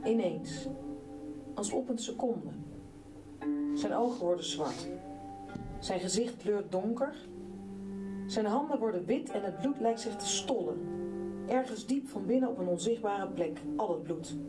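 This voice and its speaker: A woman's voice: mid-range voice, lively intonation, far from the mic, natural voice. An actress delivering an intense stage monologue as a haunted woman describing her partner's rage. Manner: slow, intense, vivid monologue. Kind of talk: live stage drama monologue. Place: theatre stage. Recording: stage sound from afar with music.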